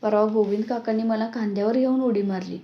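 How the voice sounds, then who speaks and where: A woman's voice: fairly high pitch, fast talker, natural voice. Bold little village girl from a storybook, read by a woman, cheerful and boastful, on a dull lo-fi recording.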